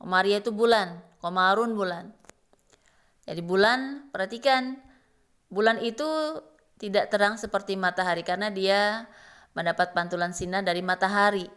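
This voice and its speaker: A woman's voice: medium pitch, normal speed, pauses often, a bit bright, clean tone. A woman giving a recitation lesson, explaining rules patiently and chanting verse examples. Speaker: Quran recitation teacher.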